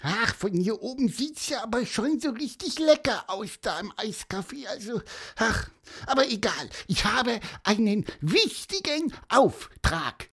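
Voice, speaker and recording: A woman's voice: a little high, very animated, a little slow, fairly bright tone, slightly rough, heavily acted. A woman voicing a small, eager, helpful bird in an audio storybook, chatty and stammering with fillers.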